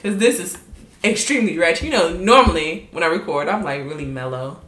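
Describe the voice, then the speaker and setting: Woman podcast host, bright animated voice, echoey room. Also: fairly low pitch, a little fast. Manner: loud, laughing, slangy and blunt. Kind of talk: casual chat. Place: home room.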